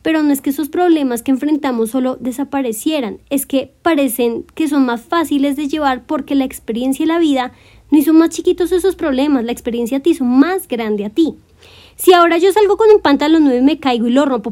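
A woman in her twenties hosts a solo podcast, her voice sitting high. She speaks gently and encouragingly straight to the listener in a reflective monologue.

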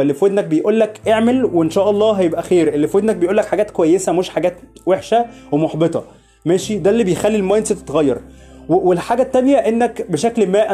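Fast-talking Egyptian podcast host. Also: male voice, sits high, warm tone, slightly rough. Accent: Egyptian Arabic. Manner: earnest, repeats phrases for emphasis. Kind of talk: motivational podcast monologue.

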